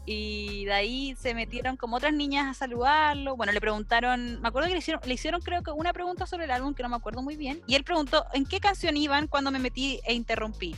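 A young woman with a Chilean accent, chatting casually as a podcast co-host and telling stories with animated acted-out quotes. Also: high voice, fast, few pauses, faint music behind. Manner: animated storyteller who acts out quotes and squeals. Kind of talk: casual chat.

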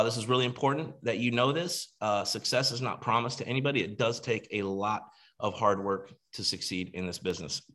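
A man coaching his team in an energetic, casual motivational training over a video call. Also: high voice, husky. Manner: energetic, emphatic, casual, repeats "you gotta".

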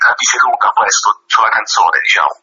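A man's voice: lowish voice, wildly swooping pitch, moderate pace, sharp tone, a little hiss or hum. A man, a singer, calling in to a radio interview by phone and rambling, repeating words as he talks. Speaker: singer guest. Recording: dull phone-line radio sound.

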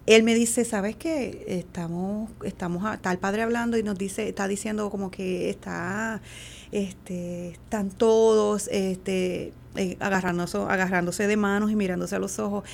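A woman's voice: medium pitch, vocal fry, a little mellow, slight background noise. A middle-aged woman, a guest in an interview, tells a personal story in conversation, acting out the quoted lines and using many fillers.

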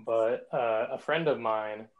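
Man, 40s, podcast co-host, casual chat, self-deprecating jokes, medium pitch. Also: takes it slowly, lo-fi sound.

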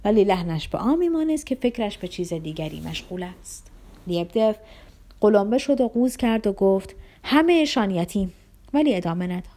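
A woman narrating a novel as an audiobook, in a measured, even storytelling manner. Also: medium pitch.

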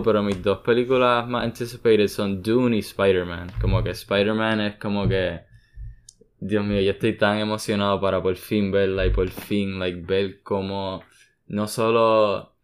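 Smooth, lowish-voiced Puerto Rican man speaking Spanglish. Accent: Puerto Rican Spanish. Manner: Spanglish, mixing English words and phrases into Spanish; enthusiastic fan talk. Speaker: podcast co-host. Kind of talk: casual chat.

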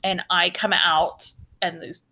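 This middle-aged American podcast host tells travel stories slowly in a lowish, level, bright voice with a forceful tone. Her casual storytelling is chatty and rambling, with frequent restarts and asides.

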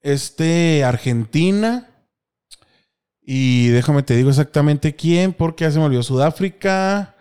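A man's voice: fairly high pitch, expressive, unhurried, darkish tone, clean tone. A man with a Mexican Spanish accent, co-hosting a casual chat podcast, swearing freely, laughing often and acting out film lines. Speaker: podcast co-host.

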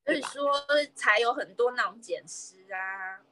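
Woman, podcast co-host, high and bright, lively and laughing, dry sound. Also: a little slow. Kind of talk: casual podcast chat.

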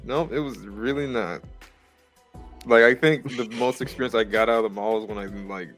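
A man's voice: mid-range voice, normal speed, a bit bright, faint music behind. A man on a casual podcast, making short, laid-back remarks. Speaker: podcast co-host.

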